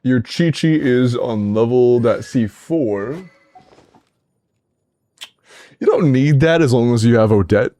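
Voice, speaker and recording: A man's voice: medium pitch, unhurried, mellow. A man in his twenties, casually chatting on a livestream, playfully bantering with chat and laughing often. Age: 20s. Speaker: streamer. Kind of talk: casual livestream chat reviewing game accounts.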